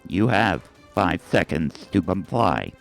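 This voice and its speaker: Brief: man doing a low, gravelly robot android, emotionless and commanding, slow deliberate orders. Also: sing-song, soft background music, full character voice. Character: cold robotic android security units.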